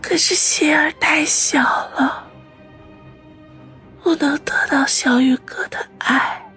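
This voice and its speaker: A woman voicing a badly wounded young girl who talks in a weak, halting, breathy whisper. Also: high voice, fairly even intonation, a bit bright, soft background music. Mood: weak, tender. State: dying, weak. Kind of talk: audiobook character voice.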